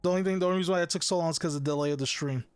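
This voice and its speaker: A man's voice: fairly high pitch, racing, clear, resonant tone, no echo. A young man hosting a casual podcast chat, rambling with lots of restarts, swearing and laughing. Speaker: podcast host.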